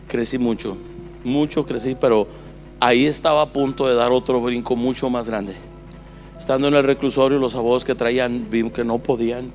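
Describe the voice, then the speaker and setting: A man's voice: medium pitch, darkish tone. A man with a Mexican accent, a pastor telling his life story as a preached testimony, acting out the dialogue.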